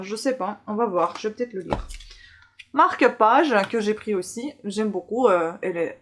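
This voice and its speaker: A woman talks casually to her viewers as a book vlogger, showing her haul one item at a time. She speaks hesitantly and pauses often on filler sounds, keeping an easy, chatty manner. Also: medium pitch.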